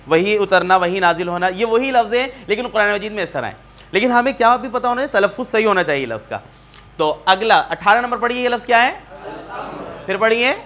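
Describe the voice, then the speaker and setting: A man with a high, bright voice leads a classroom lesson. He goes through a word list one item at a time, has students read each word aloud again, and gently corrects how they say it. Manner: patient, asks students to repeat words and corrects pronunciation. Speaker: Quran teacher. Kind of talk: classroom teaching, word drills. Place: neighbourhood class room.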